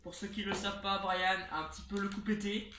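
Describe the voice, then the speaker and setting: A wrestling commentator calling a video game match play-by-play, excitable and rambling, repeating names and shouting at the big moves. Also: medium pitch, quick pace. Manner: rambling asides, repeats names, frequent restarts. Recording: roomy, noisy, distant home mic.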